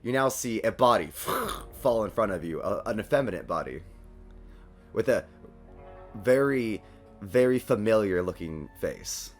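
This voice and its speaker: Halting male game master over music. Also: on the low side, lively intonation. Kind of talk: improvised tabletop game narration.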